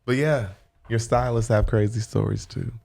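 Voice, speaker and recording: A man who co-hosts a chat show as a hairstylist, telling stories in a lively, animated way, often acting out what others said and laughing. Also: medium pitch, normal speed, gravelly. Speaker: hairstylist and podcast co-host. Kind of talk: casual chat.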